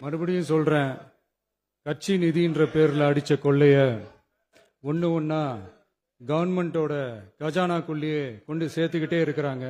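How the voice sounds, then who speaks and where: A man delivering a political speech in a sarcastic, mocking manner, repeating lines for effect and rising to shouts. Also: a little high, fairly even intonation, moderate pace, long pauses, soft background music. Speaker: political leader.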